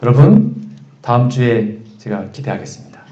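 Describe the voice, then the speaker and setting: A man's voice: medium pitch, big pitch swings, moderate pace, background noise. A man preaching a sermon as pastor, talking animatedly and asking the congregation questions. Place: church sanctuary. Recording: echoey church room, dull lo-fi sound.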